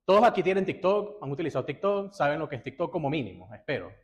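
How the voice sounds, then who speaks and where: A young man with a slightly raised pitch gives a casual conference lecture. He talks like he is telling a story and acts out his own surprised reactions. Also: big pitch swings, fast, lo-fi sound. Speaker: guest lecturer. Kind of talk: conference talk to a live audience.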